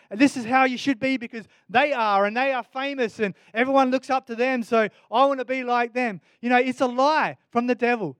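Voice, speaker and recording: High-voiced man preaching earnestly. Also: no room sound, studio quality. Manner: earnest, conversational preaching with frequent restarts. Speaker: pastor. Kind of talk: sermon.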